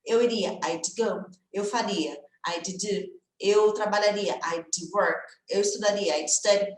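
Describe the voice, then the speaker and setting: A woman's voice: mid-range voice, a little slow, roomy sound. A woman from Brazil teaching an English lesson online in Portuguese, chatty and encouraging, often checking in with her students.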